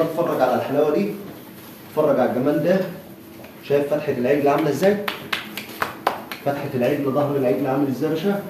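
A man with an Egyptian Arabic accent rattles off his sales pitch for cattle at a brisk clip, his voice sitting a little high. He keeps praising each animal with blessings. The sound is distant and echoey with steady background noise. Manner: hawking cattle, repetitive blessings. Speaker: livestock seller. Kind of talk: sales walkthrough. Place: outdoor cattle pen.

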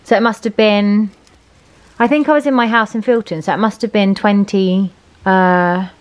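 Speaking at a moderate pace with a steady, mid-range voice, a thirtysomething English woman vlogs casually to camera from a parked car and then from an indoor room at home. Background noise from both the car and the room comes through clearly.

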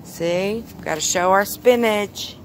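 A woman films her outdoor backyard vegetable garden on her phone, chatting casually with a toddler and patiently asking simple questions as she leads the tour. She has a medium-pitched voice and talks slowly, with slight background noise.

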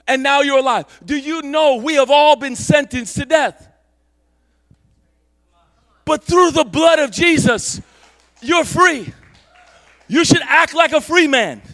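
A male pastor giving a Sunday church sermon, preaching with passion that builds to shouts. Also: extremely high pitch, expressive, takes it slowly, long pauses. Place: church service.

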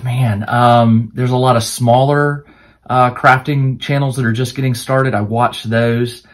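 Rambling man with a tiring voice. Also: fairly low pitch. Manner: rambling, with many fillers and restarts. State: voice starting to wear out. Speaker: host of a tabletop crafting channel. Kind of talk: casual Q&A chat to camera.

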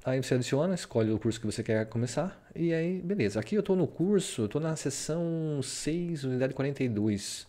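A man's voice: fairly high pitch, lively intonation, fairly quick, hardly any pauses, mellow. A man from Brazil talking casually about his study routine while sharing his screen, rambling and tagging "né?" onto many sentences. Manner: rambling, full of "né?" tags. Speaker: vlogger. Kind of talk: casual screen-share talk.

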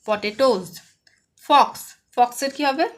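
A woman with a high voice and a West Bengal accent gives an online lesson to young children. She asks a question, then answers it herself. Each English word comes out slow and clearly stressed. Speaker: primary school English tutor.

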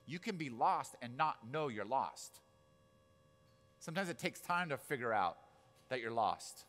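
A man's voice: mid-range voice, very animated, unhurried, a bit bright. A man in his forties, a pastor preaching a casual sermon, telling stories with asides and questions to the audience. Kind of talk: conversational sermon.

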